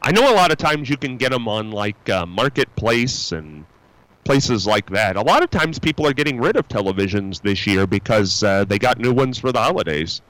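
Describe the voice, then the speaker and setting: A male host on a radio call-in show chats casually with callers from the studio, upbeat and folksy, rambling with plenty of fillers and restarts. His medium-pitched voice is sing-song and a bit bright at a normal pace. There's no room sound, but the audio quality is poor.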